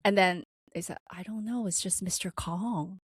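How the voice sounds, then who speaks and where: A woman with a mid-range, slightly rough voice and a slight non-native accent co-hosts a podcast, telling a work story in casual chat at normal speed. She's animated, laughing and acting out the quotes, recorded with clean studio sound and no echo.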